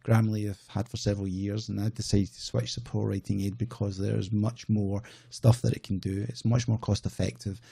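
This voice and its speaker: This Scottish channel host, who covers outsourcing businesses, chats to camera in a rambling, conversational style full of self-corrections. He has a fairly low, gravelly, slightly rough voice with a dark tone, delivered flatly, fairly quickly and with few pauses.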